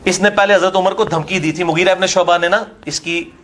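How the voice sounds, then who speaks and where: Punjabi-accented male preacher, high-pitched, combative and mocking, fires questions at his listener. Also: fairly even intonation, fairly bright tone. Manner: combative, mocking, drifts between Urdu and Punjabi. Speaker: religious speaker. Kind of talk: polemical religious lecture.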